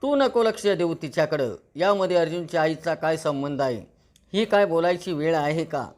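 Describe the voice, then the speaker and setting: A man voicing a calm, firm village patriarch. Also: on the high side, moderate pace, lightly acted.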